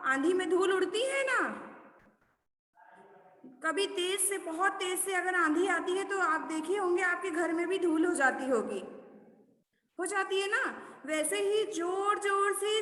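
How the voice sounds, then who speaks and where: Woman teacher, very high bright voice, slow and echoey, quizzing kids through a poem. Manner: asks questions and answers them, sings poem lines slowly. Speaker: primary school Hindi teacher. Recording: echoey room with long reverb.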